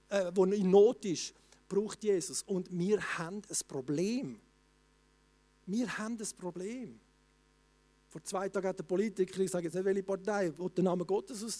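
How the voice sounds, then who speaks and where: Emphatic high-voiced preacher. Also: male voice. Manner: emphatic, rising to loud exclamations; colloquial, with frequent restarts. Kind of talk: sermon.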